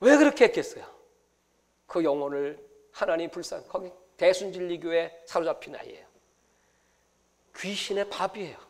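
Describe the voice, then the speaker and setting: Middle-aged male pastor, high-pitched, storytelling sermon delivery with big swings in volume. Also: expressive, moderate pace, long pauses. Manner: storytelling, swings from hushed asides to loud exclamations.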